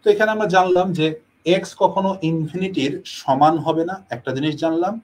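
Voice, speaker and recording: A man's voice: high-pitched, brisk, darkish tone, poor audio. A man teaching a math lesson, explaining step by step and answering his own questions.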